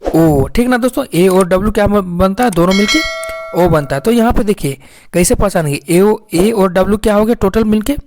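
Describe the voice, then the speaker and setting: A woman's voice: medium pitch, animated, brisk, noisy background. A woman with a mid-range voice teaches a phonics lesson. She keeps posing questions to her viewers and then answering them herself. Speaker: English teacher.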